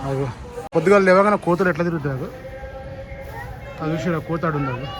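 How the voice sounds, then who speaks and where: Chatty Telangana-accented vlogging mum. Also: female voice, low voice, a little fast, background noise. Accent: Telangana Telugu. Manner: chatty, coaxing and teasing with the kids. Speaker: family vlogger. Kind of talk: casual home vlog, talking to camera and children.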